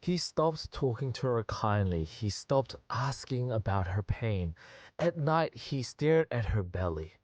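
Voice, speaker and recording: A man narrating a story on a radio show, in a measured storytelling voice. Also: medium pitch, animated, darkish tone, dry recording. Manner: measured narration, quick laughing chat. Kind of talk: scripted narration and casual chat.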